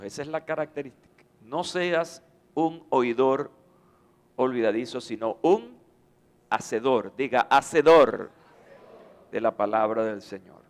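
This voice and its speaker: A male pastor giving a Sunday sermon, calling on the congregation to respond. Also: mid-range voice. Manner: slow, deliberate preaching with call-and-response to the congregation. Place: church sanctuary.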